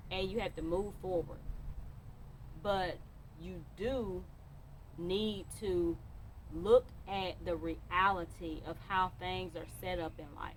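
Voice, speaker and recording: A woman's voice: fairly low pitch, slight background noise, low-quality recording. A woman giving a motivational monologue to camera, emphatic and repeating phrases for stress. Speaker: motivational speaker.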